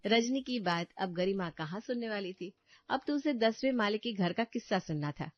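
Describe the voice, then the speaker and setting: A woman's voice: medium pitch, normal speed, no echo. Woman narrating a cartoon story. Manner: calm, storytelling. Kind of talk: scripted narration. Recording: dull dry voice-over with faint music.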